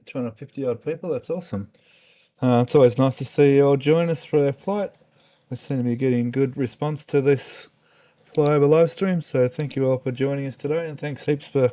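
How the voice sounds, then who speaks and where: A man's voice: medium pitch, dark tone. A tired man hosting a casual live stream from a small plane, stumbling over his words and apologizing. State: tired late at night. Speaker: photographer narrating a live flyover stream.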